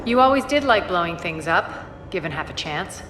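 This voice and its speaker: A woman's voice: lowish voice, lively intonation, moderate pace, roomy sound, background noise, lightly acted. A woman playing a haughty, sardonic alien crime boss in a video game, with a dry, drawling delivery. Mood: wry, teasing. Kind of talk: dramatic video game dialogue.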